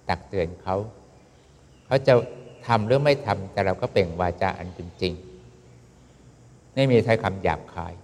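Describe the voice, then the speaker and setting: A calm male preacher gives a Buddhist sermon in a measured, steady way. His voice sits low and speaks straight to his listeners. A long reverb trails behind every phrase.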